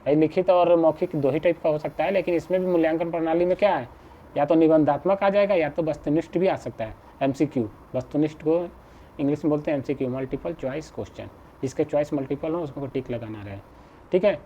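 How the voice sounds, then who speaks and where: Man, teacher, mellow warm tone, exam-prep lecture, repetitive patient explaining. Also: fairly high pitch, highs cut off, slight background noise. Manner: explains slowly, repeating points and asking "ठीक है?".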